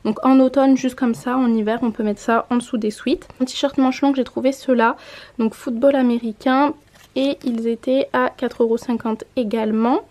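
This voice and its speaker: A woman's voice: fairly high pitch, steady tone, normal speed, darkish tone. A woman in her twenties chatting casually in a haul vlog, showing clothes to the camera and correcting herself as she goes. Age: 20s. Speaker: mom vlogger. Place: home room by a window.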